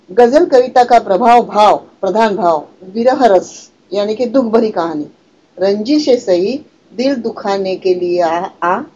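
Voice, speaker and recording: A woman's voice: medium pitch, dark tone, dull audio. A woman teaching an online language class, patiently explaining and repeating key words, often asking a question and answering it herself. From Maharashtra, India. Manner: chants meter and recites verse lines slowly. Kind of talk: online Hindi class lecture.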